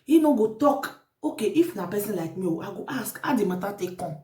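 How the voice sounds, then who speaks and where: A woman's voice: mid-range voice, lively intonation, a little fast, darkish tone. A woman with a Nigerian Pidgin accent giving repetitive, exhorting life advice straight to her viewers. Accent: Nigerian Pidgin English. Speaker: vlogger. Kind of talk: casual advice monologue to viewers. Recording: echoey room, mic at a distance.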